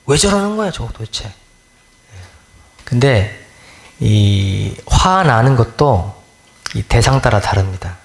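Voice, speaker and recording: Lively questioning male minister. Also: medium pitch. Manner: asks the listeners many questions, acts out everyday grumbles. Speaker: Won-Buddhist minister. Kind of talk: conversational dharma talk.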